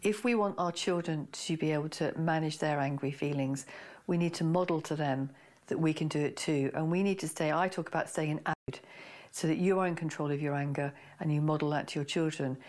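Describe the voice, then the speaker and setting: A woman's voice: sits low, a little fast, darkish tone. A woman parenting expert giving earnest, unscripted interview remarks that ramble a little.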